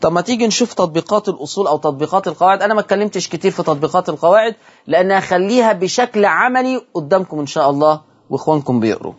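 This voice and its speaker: A man with an Egyptian Arabic accent hosts a televised lesson on Quran recitation from a studio. His voice sits fairly high. He often slows down to chant and repeat example words, and the broadcast audio sounds dull and muffled. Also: lively intonation. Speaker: host and Quran recitation teacher.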